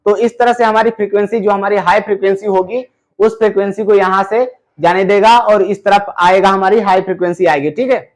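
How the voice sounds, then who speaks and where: A man teaching amplifier repair step by step, often pausing on "theek hai" and addressing viewers as friends. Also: sits high, fairly even intonation. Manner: explains slowly, filling gaps with "theek hai" and "doston". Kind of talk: step-by-step technical tutorial.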